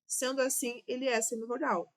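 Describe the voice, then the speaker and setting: A woman's voice: fairly high pitch, flat delivery, brisk. A woman with a Brazilian Portuguese accent, teaching an exam-prep grammar lesson, explaining step by step and checking in with "ok?" and "né?".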